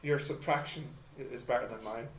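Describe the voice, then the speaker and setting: A male maths tutor works through sums out loud at a fairly quick pace in a medium-pitched voice, keeping it informal and self-deprecating while frequently checking his students are following. The indoor tutorial room sounds echoey and noticeably noisy.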